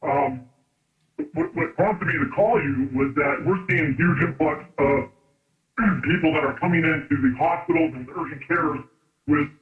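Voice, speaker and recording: A man speaking as a doctor, his voice run through a pitch-shifting voice changer to hide his identity. He calls in from the road and talks haltingly, with fillers and restarts. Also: soft background music. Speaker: doctor calling in as a guest. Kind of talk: remote interview. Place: in a vehicle on the road. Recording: tinny phone-like line.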